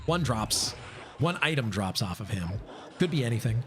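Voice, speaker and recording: A man's voice: mid-range voice, very animated, moderate pace. Man streaming a game, rambling casual commentary, answers chat, uh's everywhere, music playing under him. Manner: casual, thinks aloud and answers chat, many fillers. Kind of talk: live gameplay commentary.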